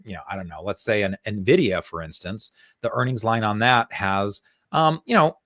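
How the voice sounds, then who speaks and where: A man's voice: lowish voice, moderate pace, a bit bright, dry recording, studio quality. A male co-host explaining stock charts in a casual, thinking-aloud way, with frequent fillers and repeated words. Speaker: co-host, stock market analyst. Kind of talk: conversational market analysis.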